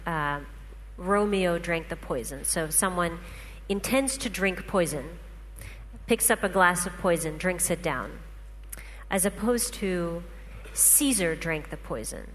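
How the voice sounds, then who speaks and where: A woman whose native language is Russian presents research to a panel in a lowish, slow voice. She explains things patiently, using examples. The room has hall reverb and a faint hum.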